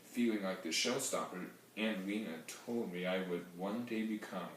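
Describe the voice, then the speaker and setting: A man reads a children's storybook aloud with lively expression. His voice sits low. He sounds distant from the mic in a very echoey room. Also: a little hiss or hum. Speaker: storybook reader. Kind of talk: reading a picture book aloud. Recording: very echoey room heard from afar.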